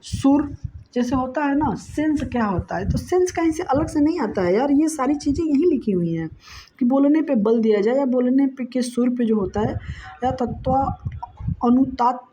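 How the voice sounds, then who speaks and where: A woman's voice: sits high, expressive, moderate pace, mellow, a little hiss or hum. A woman teacher going through exam questions in a chatty, explanatory way, often checking in with "okay". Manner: explains answers conversationally, repeats "ठीक है". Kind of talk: exam-prep lesson. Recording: dull lo-fi sound.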